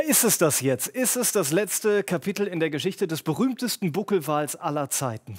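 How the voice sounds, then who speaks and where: A man anchoring a regional news broadcast, speaking in a slightly raised register. His delivery is brisk and clear, like a practiced newsreader moving from story to story. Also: fairly high pitch.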